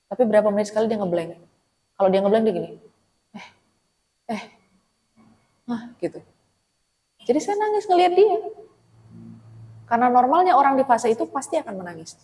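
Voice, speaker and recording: A woman, a therapist, giving a conversational religious talk to a women's study group. She is lively, laughs often and asks the audience rhetorical questions. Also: medium pitch, rough recording. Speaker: speaker at a women's Islamic study session and therapist.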